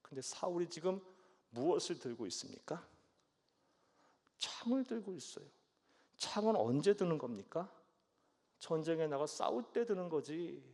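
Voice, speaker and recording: A man's voice: a little high, big pitch swings, normal speed, pauses often, a little mellow. A male pastor preaching a sermon, questioning the congregation and often answering himself with a short "yes," in a church sanctuary with long reverb.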